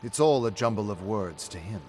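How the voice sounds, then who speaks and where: A man narrating a story in an even, descriptive reading. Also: lowish voice, normal speed, noisy background.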